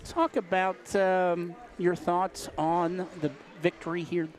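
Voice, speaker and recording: An older man, a local broadcaster, chatting folksily through post-game interviews with high school players in a gym. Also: little pitch movement, slow. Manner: chatty, folksy, rambling questions. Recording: noisy crowd in a gym. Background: cheering crowd.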